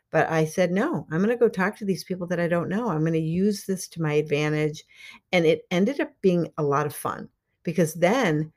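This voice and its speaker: A middle-aged woman with a low-ish, darkish voice hosts a solo podcast as a life coach. She talks casually and encouragingly to her listeners and laughs often.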